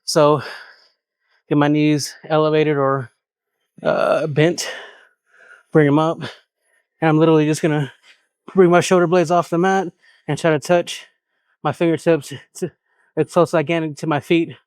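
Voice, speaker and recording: A man vlogging his gym workout, explaining each exercise in a relaxed way and out of breath between sets. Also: a little high, measured pace, pauses often, smooth, no echo. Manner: relaxed, explaining exercises while doing them. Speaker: fitness vlogger. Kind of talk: casual workout vlog.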